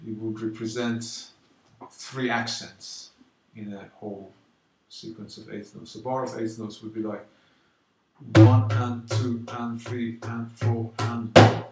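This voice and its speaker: Brief: male drum teacher, low voice, calm explanations broken by loud slow counting, recorded from a distance with drum sounds behind him. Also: noisy background. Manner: counts beats aloud loudly and slowly between calm explanations. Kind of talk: casual drum lesson. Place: London. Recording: roomy echo, mic at a distance, drumming.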